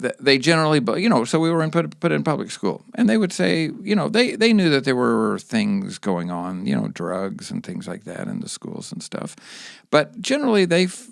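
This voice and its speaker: A middle-aged man from Texas, a podcast guest, telling family stories in a halting way with many restarts. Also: medium pitch, very animated, gravelly, no room sound, studio quality. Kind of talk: conversational storytelling.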